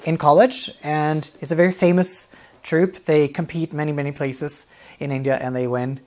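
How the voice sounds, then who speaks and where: A man, answering interview questions in a friendly, relaxed way, often laughing and pausing with fillers. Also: fairly high pitch. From Norway. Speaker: guest, dance artist.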